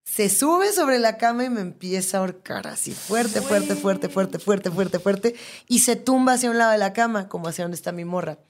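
A woman's voice: mid-range voice, expressive, normal speed, a crowd in the background. A Mexican woman in her thirties, a podcast co-host, telling a story in casual chat and swearing freely.

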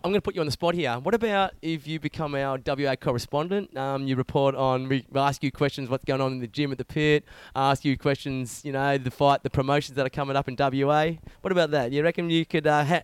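A man's voice: medium pitch, steady tone, a little fast, hardly any pauses, smooth, dry recording. An Australian man hosting a casual podcast chat, slangy and sweary like a matey Aussie tradesman. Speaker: podcast host.

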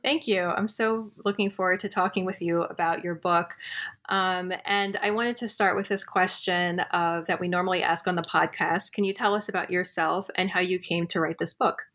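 Lower-voiced woman hosting a podcast. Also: fairly even intonation, normal speed, a bit bright. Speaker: podcast host. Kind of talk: podcast interview.

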